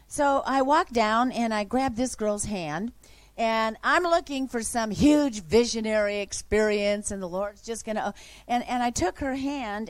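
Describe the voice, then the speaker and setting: Woman preacher telling her story, gets loud then hushed, kinda high voice, dry sound. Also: no echo. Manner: animated, swings from hushed to loud and excited. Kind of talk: sermon testimony storytelling.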